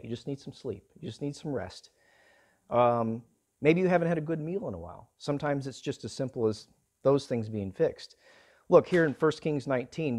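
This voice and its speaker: A man delivers a sermon in a medium-pitched voice. He preaches earnestly, swelling louder on key points and dropping soft on others. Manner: earnest preaching, rising and falling in volume. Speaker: pastor.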